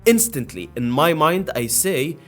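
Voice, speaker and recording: A man's voice: fairly high pitch, expressive, a little slow, soft background music. A young man hosting his own channel, explaining in a casual, rambling monologue with many fillers and restarts. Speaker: YouTube channel host.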